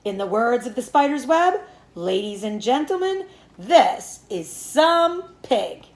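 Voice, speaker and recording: Lady putting on a grand fairground announcer for a storybook, proud and booming, swoops high, roomy echo. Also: sing-song, slow, heavily acted. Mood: grand, proclaiming. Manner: booming, stretched-out, formal proclamations. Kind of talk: storybook read-aloud character voice.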